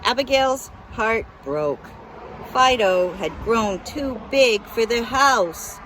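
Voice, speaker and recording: Woman reading a kids story, slow pace, bright clear-cut tone. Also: a little high, lively intonation, slight background noise, poor audio. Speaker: storybook narrator. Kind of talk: scripted children's story narration.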